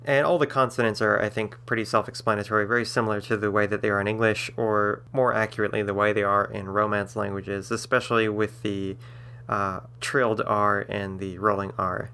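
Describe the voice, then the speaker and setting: A man's voice: lowish voice, flat delivery, brisk, sharp tone, clear, resonant tone. A man teaching a language-building lesson, patiently spelling out sounds with some filler words. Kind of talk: explanatory lesson.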